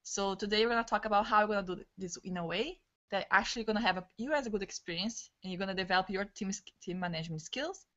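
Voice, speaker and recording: A woman trainer leading an online team session, talking quickly and excitedly, restarting words, in non-native English over a video call. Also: mid-range voice. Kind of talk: live online training talk. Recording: dull lo-fi video-call audio.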